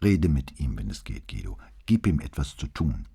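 Brief: caring, terse wife, read by a man with a husky, very deep, dark voice in an audiobook. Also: big pitch swings, exaggerated voice. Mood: concerned. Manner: gentle but rapid, clipped questions. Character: caring, quick, terse middle-aged wife. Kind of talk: audiobook dialogue.

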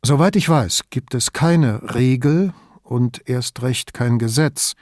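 Man reading an older male commissioner, calm, wry, dry close sound, audiobook. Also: mid-range voice, takes it slowly, no echo, close to an everyday voice. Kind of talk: audiobook character voice.

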